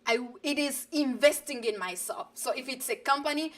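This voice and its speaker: Woman, earnest and animated. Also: high voice, normal speed. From Uganda. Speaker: guest, digital business coach. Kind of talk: live online interview. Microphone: video call.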